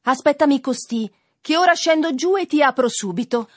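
Man putting on a high dry-voiced lady snail, dragging every word, never in a hurry. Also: no echo. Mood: unhurried. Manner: drawn-out, leisurely delivery. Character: slow, unhurried female snail, calm and placid.

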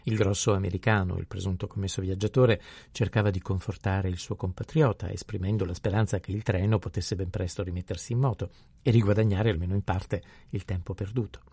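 A man narrating an audiobook in a steady, measured reading style. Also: sits low, creaky, breathy edge, dry recording. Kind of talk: scripted narration.

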